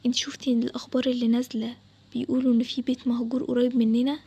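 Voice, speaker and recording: Bold young Egyptian boy, a woman voicing, high, fast and sure of himself, cartoon story. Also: steady tone, slightly rough. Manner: confident, reassuring, hushed at times. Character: bold young boy Adam, daring treasure hunter.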